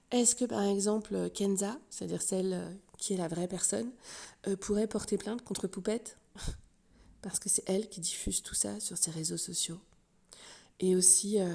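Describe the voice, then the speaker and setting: Woman, casual online commentary, dark creaky voice, chatty, hesitant, emphatic repetition. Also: mid-range voice. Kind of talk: casual gossip commentary to camera.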